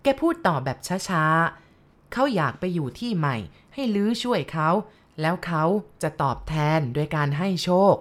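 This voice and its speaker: A woman voicing an elderly Chinese spirit medium who speaks slowly and deliberately in a storybook reading. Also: low voice, expressive, bright, forceful tone, exaggerated voice. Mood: calm.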